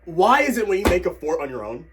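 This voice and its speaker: A young man, hoarse from losing his voice, ranting in excitable yells with sudden quiet asides for a comedy vlog. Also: sits high, fast, over music. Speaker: comedy vlogger. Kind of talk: comedic tier-list rant.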